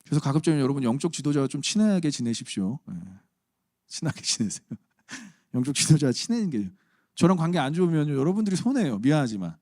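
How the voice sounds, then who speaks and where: A man's voice: a little high, sing-song, quick pace, darkish tone, dry recording, studio quality. A man preaching a sermon as pastor, conversational and humorous with emphatic turns. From Chungcheong region, Korea.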